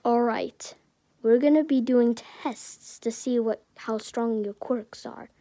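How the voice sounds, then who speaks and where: Woman doing a drowsy, flat-voiced male teacher. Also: fairly high pitch, slow pace, dry recording.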